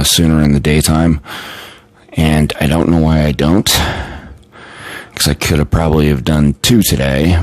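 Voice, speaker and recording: A man's voice: rumbling low, no room sound. A tired man chatting casually on a live stream, rambling with many fillers and restarts. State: tired and yawning.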